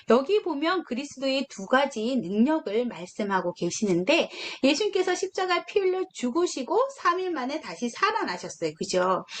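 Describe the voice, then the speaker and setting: A young woman gives a children's sermon in a slightly high, very animated voice. She tells it like a story, asks the children questions and voices the characters with expressive swings. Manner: storytelling, acts out dialogue with lively voices. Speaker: children's ministry preacher.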